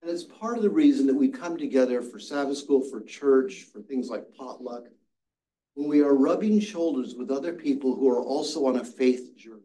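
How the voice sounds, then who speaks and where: Speaking at a moderate pace in a mellow, mid-range voice, an older man earnestly tells a story while teaching a Sabbath school Bible class, frequently beginning his sentences again. He's recorded from across an echoey church classroom full of seated people.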